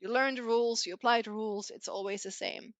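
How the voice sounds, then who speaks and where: A woman's voice: a little high, steady tone, fast, fairly bright tone, no room sound. A young woman from Belgium, a native Flemish speaker with a slight Irish twang, chatting casually as a podcast guest and filling her talk with "like" and "you know".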